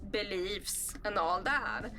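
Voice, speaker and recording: A woman's voice: on the high side, fairly bright tone. A young woman with a Swedish accent, hosting a casual reaction vlog, reading a list aloud and musing in rambling asides. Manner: rambling, musing asides between read-out passages. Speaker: channel host.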